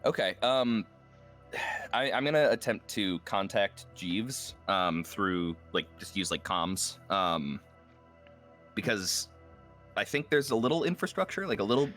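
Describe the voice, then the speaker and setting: A man's voice: on the low side, very animated, unhurried, a bit bright, soft background music. A man playing a tabletop role-playing game, chatting casually and tentatively as he describes his moves.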